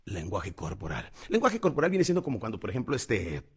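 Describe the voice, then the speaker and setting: Rich: A man coaches public speaking in a husky, lively voice that leaps from high and loud to low and soft. He talks fast and with energy, calling the listener "champion". His tone is motivational and full of dramatic pauses. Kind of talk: motivational lesson.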